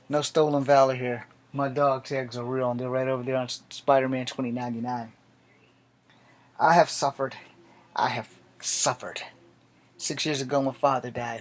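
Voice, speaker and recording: Man, late forties, army veteran, blunt, profane, defiant monologue. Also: medium pitch. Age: 40s. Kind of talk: personal monologue to camera.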